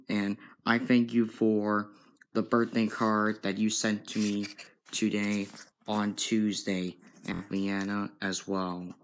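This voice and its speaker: A young man records a casual vlog on his phone in his bedroom, speaking in a fairly low voice. He talks very slowly, circling back over the same points again and again and calling out to his viewers. The sound is the plain audio of a handheld phone. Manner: slow and repetitive, keeps addressing "guys". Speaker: vlogger. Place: bedroom at home. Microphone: handheld phone camera.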